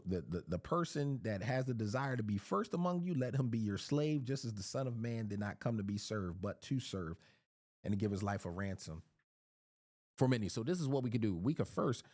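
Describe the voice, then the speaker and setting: Teaching the Bible casually, a Philadelphia man frequently repeats words as he works out what to say. He has a lowish, slightly mellow voice, captured in a dry, studio-quality recording.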